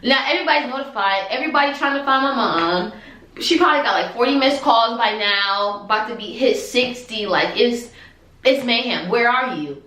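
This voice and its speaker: A young woman vlogger telling a storytime tale in an animated, dramatic, exasperated way. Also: a little high, fairly quick. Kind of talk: storytime vlog. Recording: echoey room.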